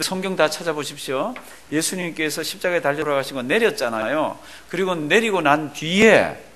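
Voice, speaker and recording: Korean pastor guy preaching, kinda high voice, really lively, quizzes the congregation. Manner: animated, asks the congregation questions, leads group readings. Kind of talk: sermon.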